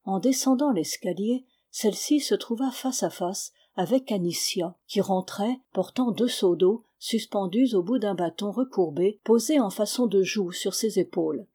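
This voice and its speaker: A woman reads a novel aloud in a calm, measured way. Her voice is warm and mellow, with middling pitch. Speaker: audiobook reader. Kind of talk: scripted narration of a novel.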